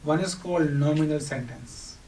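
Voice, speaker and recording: A teacher with a Pakistani accent, whose first language is Urdu, gives an instructional lecture, explaining things and answering questions he poses himself. His voice is fairly high and mellow, at a normal speed. The mic is distant and background noise is audible.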